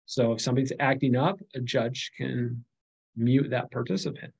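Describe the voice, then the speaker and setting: A man's voice: medium pitch, little pitch movement, moderate pace, creaky, slightly rough, low-quality recording. A middle-aged man giving a recorded slide lecture on legal studies, speaking conversationally with frequent fillers and restarts.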